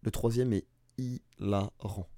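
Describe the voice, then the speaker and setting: A man co-hosting a podcast in casual chat, rambling with restarts and getting animated about comedy. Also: lowish voice, takes it slowly, no room sound, clean studio sound. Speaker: podcast co-host.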